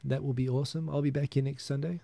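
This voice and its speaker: Speaking quickly and in a level tone, a man with a creaky, mellow mid-range voice reads comments from viewers, with no echo in the recording. He's in his thirties, has a New Zealand accent, and hosts his casual solo stream with rambling, chuckling, and frequent restarts.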